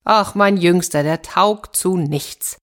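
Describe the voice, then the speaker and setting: A woman's voice: fairly low pitch, slow. A woman voicing a stern, exasperated old village father in a children's fairy-tale reading. He scolds and sighs wearily. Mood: weary.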